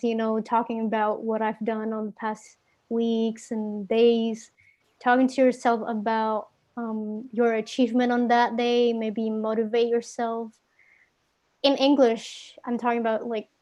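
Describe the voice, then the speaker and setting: A young woman from Indonesia, accent clearly Indonesian, drops casual tips as a guest English speaking tutor in a live online class. Her voice sits on the high side and sounds slightly mellow. She's casual, uses plenty of fillers and keeps restarting and correcting herself.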